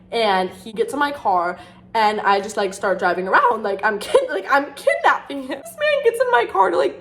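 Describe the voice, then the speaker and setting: A young woman vlogger telling a personal story in a rambling, self-mocking way, full of fillers. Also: mid-range voice. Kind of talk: casual storytime.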